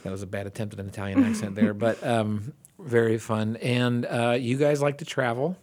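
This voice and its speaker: A man's voice: medium pitch, animated, normal speed, darkish tone. A man hosting a faith podcast, interviewing a guest in an encouraging, affirming way. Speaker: podcast host.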